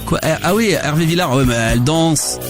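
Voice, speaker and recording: A man's voice: on the high side, lively intonation, moderate pace, music in the background. A man hosting a free-form radio show from a studio, talking in a rambling, hesitant, chatty way with casual swearing. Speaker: radio host.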